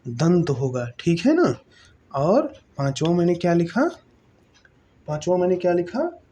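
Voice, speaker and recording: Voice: medium pitch, very animated, unhurried, mellow, slight background noise. A teacher giving an exam-prep lesson, repeating each term and asking the class rhetorical questions, checking in often with "okay?".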